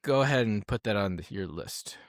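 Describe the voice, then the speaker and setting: A man with a lively, swinging intonation cuts in with short, teasing questions during a casual movie chat. His voice sits in a middle pitch, and the recording is dry and close. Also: brisk, no echo. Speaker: podcast co-host.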